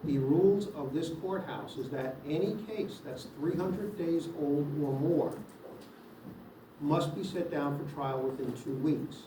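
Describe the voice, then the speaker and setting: Firm judge in an echoey courtroom. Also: male voice, fairly high pitch. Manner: brisk, procedural, firm. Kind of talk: courtroom proceedings. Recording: echoey courtroom from far off, noisy.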